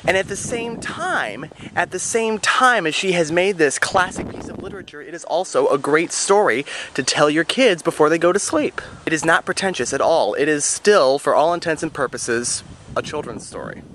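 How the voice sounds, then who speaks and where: Young male vlogger, mid-pitched, earnest and chatty book reviewer with dry asides, faint ambient noise behind. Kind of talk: casual vlog book review.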